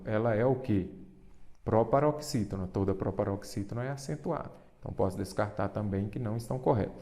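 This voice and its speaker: A man's voice: lowish voice, a little mellow. A man with a Brazilian Portuguese accent teaching an online exam-prep lesson, explaining step by step and asking and answering his own questions.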